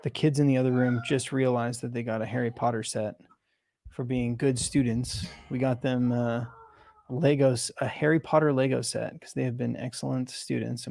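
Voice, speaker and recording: A software developer, a man, thinking aloud while debugging code, halting and self-questioning with many restarts. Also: medium pitch, vocal fry, no echo, studio quality.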